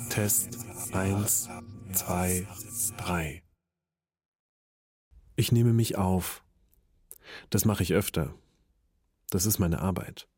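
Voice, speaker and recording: A man speaking slowly and deliberately in an experimental spoken sound piece, repeating short phrases about his voice. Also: low voice, a little mellow, husky, no echo, faint music behind. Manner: slow, repetitive, deliberate phrasing. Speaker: voice artist.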